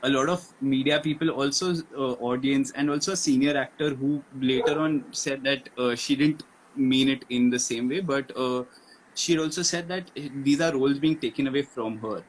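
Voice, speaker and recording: A man hosts the interview at an ordinary middle pitch. He searches for his words, stopping and restarting his questions. Faint background noise sits under his voice. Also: normal speed, rough recording. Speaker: interviewer, host. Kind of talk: interview conversation.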